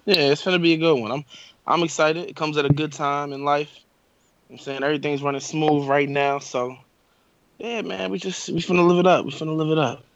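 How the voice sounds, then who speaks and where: A man's voice: fairly high pitch, steady tone, brisk, gravelly, no room sound, highs cut off. A man co-hosting a podcast, talking in a laid-back, slangy way. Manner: laid-back, slangy, keeps saying "you know what I'm saying". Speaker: podcast co-host. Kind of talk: casual chat.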